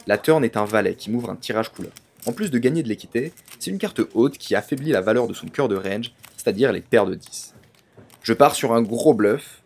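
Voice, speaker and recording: A man's voice: lowish voice, a little mellow. A man telling his poker session as a vlog, analytical and full of English poker jargon. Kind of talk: storytelling vlog narration.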